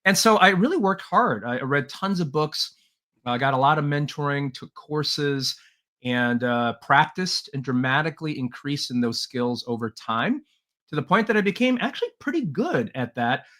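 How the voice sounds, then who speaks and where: In a relaxed podcast interview, a middle-aged man from Taiwan who trains leaders narrates his life with earnest feeling, his voice fairly high, animated and slightly bright at a normal speed. Many "uh" fillers and small laughs run through his story.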